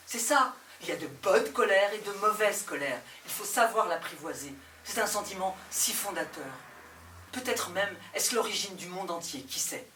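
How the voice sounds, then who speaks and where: A woman's voice: fairly low pitch, fairly bright tone, slight background noise. Intense woman, theatrical monologue, roomy distance. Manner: intense, theatrical, addresses a listener directly. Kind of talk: performed poetic monologue.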